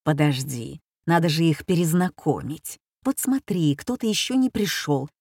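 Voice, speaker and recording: A woman's voice: deep voice, lively intonation, moderate pace, darkish tone, husky, no echo, studio quality, exaggerated voice. A woman voicing a bustling, self-satisfied young man in an audiobook. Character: fussy young man, society busybody. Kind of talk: audiobook character voice.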